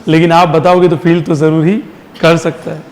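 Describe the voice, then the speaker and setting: A man with a high voice teaches a physics class. He keeps firing questions at the students and answering them himself, drilling each point, and slips English terms into his talk. His voice rings with a long reverb, as if the room is a large hall. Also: level tone, moderate pace, darkish tone. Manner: mixes Hindi with English terms. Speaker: science teacher.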